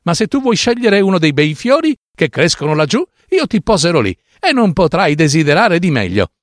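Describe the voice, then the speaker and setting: A man's voice: on the high side, big pitch swings, a little fast, no echo, clean studio sound, pitched above the performer's own voice. A man voicing a kind, motherly female swallow in a fairy tale, with a reassuring delivery.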